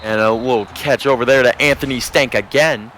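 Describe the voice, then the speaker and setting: A man giving play-by-play commentary on a video game football stream, measured and steady, rising to shouts on big plays. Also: mid-range voice, faint music behind. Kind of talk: sports commentary.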